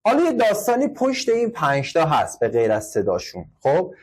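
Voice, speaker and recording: A man with a fairly high voice teaches a classroom English lesson. He explains patiently, repeats each word and keeps putting questions to the class. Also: wildly swooping pitch, breathy edge.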